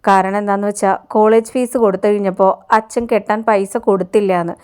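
A woman's voice: medium pitch, flat delivery, fast, a little mellow, clean tone, close to an everyday voice. A woman voicing a caring young married woman comforting her younger sister. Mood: tender. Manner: tender, comforting.

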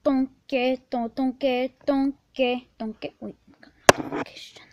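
A woman's voice: high voice, fairly even intonation, unhurried, lo-fi sound, very noisy. A woman playing a jumpy, childlike male ogre in a homemade role-play vlog, calling everyone donkey. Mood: playful. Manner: playful, calls everyone donkey. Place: outdoors at night, then indoors at home. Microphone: handheld video camera.

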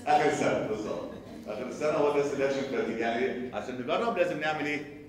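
Fast-talking Egyptian man lecturing in an echoey hall. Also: mid-range voice, distant mic. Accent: Egyptian Arabic. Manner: rapid, repetitive, quizzes students with rhetorical questions. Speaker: surgery lecturer. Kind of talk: recorded lecture.

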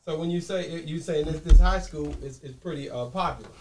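A man in his thirties hosts a podcast, chatting in a laid-back, rambling interview style packed with fillers. His voice is on the high side with a darkish tone and a brisk pace, recorded on an arm-mounted studio mic with headphones in a podcast studio, with slight background noise.

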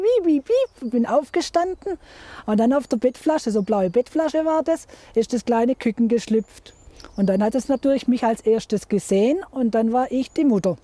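A middle-aged woman, telling a lively story outdoors in a garden. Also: a little high, no echo. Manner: lively storyteller, imitates chick sounds. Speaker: interviewee. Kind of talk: documentary storytelling.

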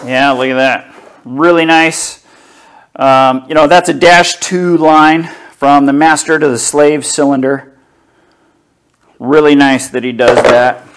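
A middle-aged man slowly unboxing and inspecting car parts in his home garage, talking casually to a camera a few feet away. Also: on the high side, steady tone, a bit bright, smooth. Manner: slow, easygoing, talks while handling parts. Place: home garage workshop, indoors.

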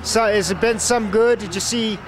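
High-voiced man in his thirties, rambling questions. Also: fairly even intonation, normal speed, crowd noise, background noise. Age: 30s. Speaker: interviewer. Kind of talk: casual interview. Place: outdoor café patio at night. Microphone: handheld mic.

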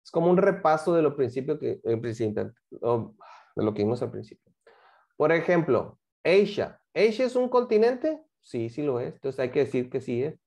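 A woman's voice: rumbling low, very animated, moderate pace, a little mellow. A woman, teaching English and explaining homework to a class, patient and often checking that students follow. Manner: patient, checks understanding with frequent questions.

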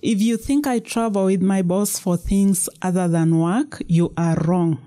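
A woman's voice: medium pitch, measured pace, mellow, lightly acted. A woman reading the part of an anxious young career woman pleading earnestly with her parents.

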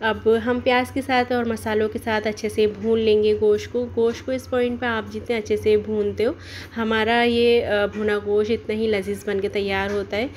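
A woman's voice: mid-range voice, normal speed, slight background noise. Woman narrating a home cooking recipe. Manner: steady instructional, explains each step and options. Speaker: cooking channel host. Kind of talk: step-by-step cooking voice-over.

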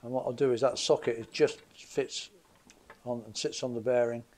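A man's voice: mid-range voice, fairly even intonation, normal speed, a little mellow. An English man who works on motorcycles, explaining each step as he strips down an engine in his basement workshop. He talks in a plain, methodical way and thinks aloud with small fillers. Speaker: motorcycle mechanic presenter. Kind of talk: hands-on workshop demonstration. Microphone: camera mic above the bench, hands only in frame. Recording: faint extractor fan hum. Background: extractor fan noise.

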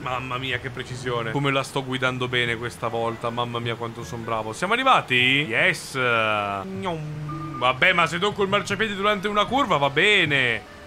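A young man giving sarcastic, profane commentary while playing a bus driving game, with sudden loud outbursts. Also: mid-range voice, a little slow, music in the background. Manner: swearing, sarcastic, animated outbursts. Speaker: gaming YouTuber. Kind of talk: comedic gameplay commentary.

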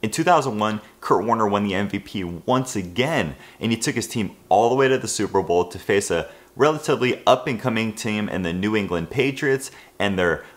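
Speaking to camera in his apartment's living room, a man in his twenties hosts a sports video, telling a scripted football underdog story in a relaxed, chatty way and saying "you know" often. His fairly low voice is animated and brisk, with hardly any pauses.

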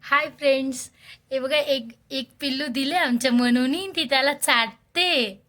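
A woman's voice: sits high, a little slow, sharp tone. A woman, casually vlogging at home and coaxing her pet in a sweet, fond voice. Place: home indoors.

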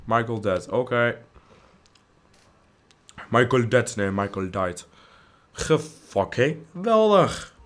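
A man's voice: fairly low pitch, fairly even intonation, slow pace, long pauses, a bit bright. A man doing casual let's play commentary, joking crudely and humming silly tunes while he plays.

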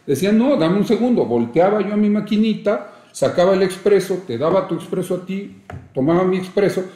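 A man's voice: high-pitched, animated, a little fast, dark tone, echoey room. A middle-aged man with a Mexican accent, a judge speaking as an interview guest, emphatic and lecturing with rhetorical questions. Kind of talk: conversational interview.

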